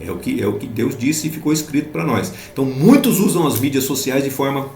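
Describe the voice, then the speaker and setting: A man's voice: medium pitch, expressive, brisk, a little mellow, roomy sound, slight background noise. A middle-aged man teaching a Sunday school Bible lesson, explaining with repetition and rhetorical questions.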